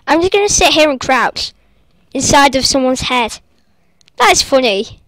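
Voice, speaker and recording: A high-pitched woman rambles through her game commentary while sitting up in bed. She talks casually into her laptop, breaking into squeals and quick apologies. The sound is close and dry, with no room echo. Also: expressive, a bit bright. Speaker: gaming vlogger. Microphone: laptop recording.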